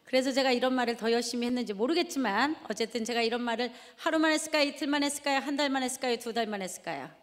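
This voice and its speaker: In a reverberant, large church hall, a middle-aged woman from Jeonju, South Korea, tells her testimony as a sermon. Her fairly high voice comes rapid-fire with hardly any pauses as she animatedly questions the audience and plays out scolding her children.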